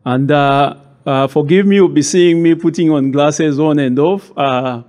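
A middle-aged man from Zambia, a guest preacher giving a sermon in a church, measured and hesitant, with many fillers. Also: a little high, a little mellow.

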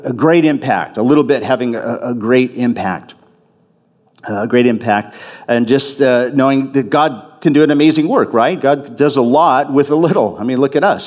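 A man's voice: medium pitch, a little mellow. A man preaching a sermon as a pastor in a church, talking conversationally, often restarting and repeating phrases for emphasis.

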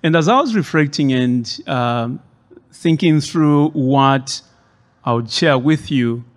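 A middle-aged man from Zambia, a guest preacher giving a sermon in a church, measured and hesitant, with many fillers. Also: mid-range voice.

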